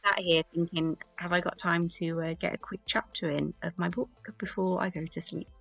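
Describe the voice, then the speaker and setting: A woman's voice: on the low side, fairly even intonation, moderate pace, vocal fry, fairly bright tone, slightly rough, faint music behind. A woman chatting casually as a guest on a live stream, frank and teasing, swearing freely. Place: home streaming setup.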